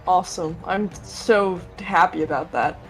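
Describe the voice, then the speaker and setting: A woman's voice: on the low side, a little slow, rough recording. A woman playing a tabletop game, chatting casually in a wry, sarcastic manner. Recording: music playing behind. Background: background music.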